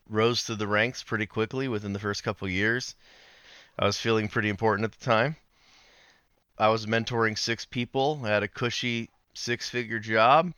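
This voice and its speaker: A middle-aged man telling his story in an interview, earnest and animated, with pauses and fillers. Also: mid-range voice, smooth, no echo, dull audio. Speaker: interview guest, founder.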